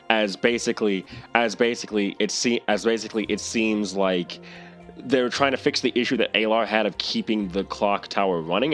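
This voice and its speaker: A man's voice: lowish voice, a bit bright. A man narrating a tabletop game as game master, rambling and searching for words with many restarts.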